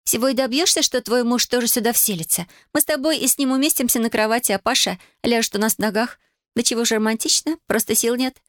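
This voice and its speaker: A woman's voice: fairly high pitch, quick pace, no echo, studio quality, pitched above the performer's own voice, close to an everyday voice. A woman reading an audiobook voices a playful, mocking teenage girl who teases her family. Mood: giggly. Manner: mocking, giggly, exclaiming.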